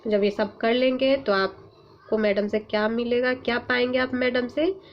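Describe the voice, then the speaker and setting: A woman teacher talks to young children in a slightly high voice, moving at a very slow, deliberate pace. She stretches out each letter and word as she sounds it, then asks gentle questions to check that they follow. The recording is muffled and lo-fi, with a faint hum behind her. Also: level tone. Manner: patient, coaxing questions to children. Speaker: Urdu teacher. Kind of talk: online class for young pupils.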